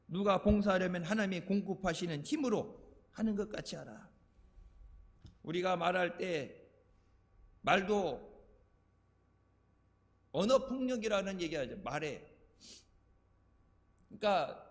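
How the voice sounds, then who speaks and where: An older male pastor delivers a sermon in a chatty, storytelling way and chuckles at his own anecdotes. His voice sits high for a man. The sanctuary's long reverb trails after every phrase. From Chungcheong, Korea. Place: church sanctuary. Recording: echoey church hall reverb.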